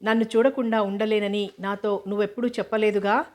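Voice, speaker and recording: A woman voicing a calm, teasing young male medical student who speaks in a playful, unhurried way. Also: mid-range voice, natural voice.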